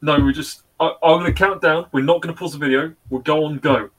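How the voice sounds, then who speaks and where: A man's voice: fairly high pitch, steady tone, quick pace, crowd noise, low-quality recording. A young man co-hosting a casual podcast, wry and organising the others. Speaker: podcast co-host. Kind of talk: casual chat.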